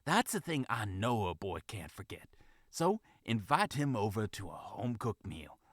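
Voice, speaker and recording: A man voicing an older, motherly female fox who gossips in a hushed, folksy way. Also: fairly low pitch, big pitch swings, normal speed, no echo, clean studio sound. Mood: scheming.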